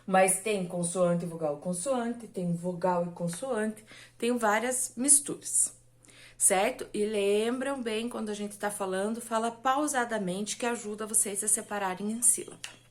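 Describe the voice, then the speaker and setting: Woman teacher, unhurried, patient with young pupils, draws words out slowly. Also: medium pitch. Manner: slow, patient, stretches words syllable by syllable. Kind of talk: recorded lesson for children.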